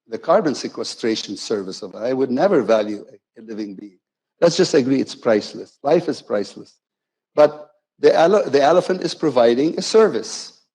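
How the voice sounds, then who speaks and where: A man gives a keynote talk at a conference, relaxed and good-humored, restarting phrases as he goes. His voice is mellow and warm, sitting at an ordinary middle pitch. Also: husky, low-quality recording. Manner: conversational and playful, with self-corrections. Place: conference hall.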